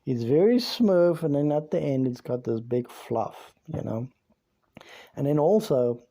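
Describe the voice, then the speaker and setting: In a slow, dark, mid-range voice with vocal fry, a man whose first language is Afrikaans recounts a true story from his days as a police officer. The storytelling is casual and rambling, full of "you know"s and repeated words.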